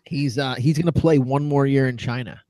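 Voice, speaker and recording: A man's voice: mid-range voice, moderate pace, mellow, no echo. A man co-hosting a casual sports podcast, rambling through stories and laughing at his own jokes. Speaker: podcast co-host.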